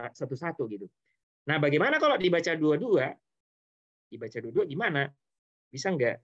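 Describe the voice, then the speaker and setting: A man teaching a biology lesson in a casual, step-by-step way, asking rhetorical questions and answering them himself. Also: fairly high pitch. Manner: casual, with frequent tag words and self-corrections. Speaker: biology tutor. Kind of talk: online lesson explanation. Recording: slightly dull lo-fi audio.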